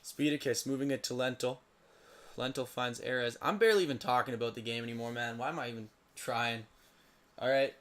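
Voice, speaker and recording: A hoarse, tired teenage boy commenting on a simulated lacrosse league late at night, rambling and mumbling with self-pity between plays. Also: mid-range voice, brisk, fairly bright tone. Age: teens.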